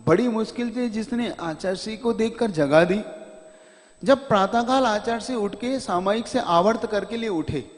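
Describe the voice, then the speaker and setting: A man, a monk, telling a story in an earnest sermon, often pressing hard for emphasis. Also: sits high. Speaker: monk preacher. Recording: long hall reverb.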